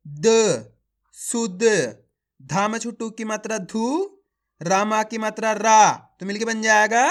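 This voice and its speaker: A man's voice: high voice, fairly bright tone. A man teaching a beginner reading lesson, calling viewers his friends and drilling syllables over and over.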